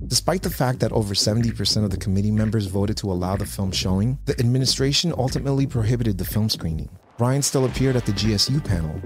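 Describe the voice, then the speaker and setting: A man with a fairly low voice reads a scripted video essay in a measured, informative way. His voice-over sits over clear background music. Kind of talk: scripted narration.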